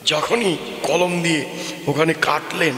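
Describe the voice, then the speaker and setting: A high-pitched man with a bright, ringing voice preaches a devotional sermon. His telling is emphatic and sing-song, swelling and dropping as he goes. The sound carries a long echo, as if it were booming through a loudspeaker across a big hall. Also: steady tone, a little slow. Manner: emphatic, sing-song, rising and falling delivery. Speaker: kirtan preacher. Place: open-air gathering with loudspeakers. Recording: echoey hall from a PA system.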